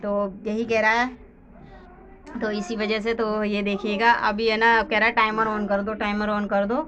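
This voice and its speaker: A woman's voice: mid-range voice, flat delivery, measured pace, fairly bright tone, dull audio. A woman narrating a family vlog, walking through what happens step by step with lots of fillers. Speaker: family vlogger.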